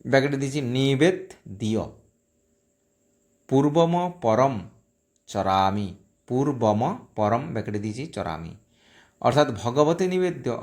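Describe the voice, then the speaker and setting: Man slowly reciting Sanskrit syllables. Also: medium pitch. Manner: slow, careful syllable-by-syllable recitation; chants Sanskrit then explains in Bengali. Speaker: Sanskrit teacher. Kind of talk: recorded reading lesson.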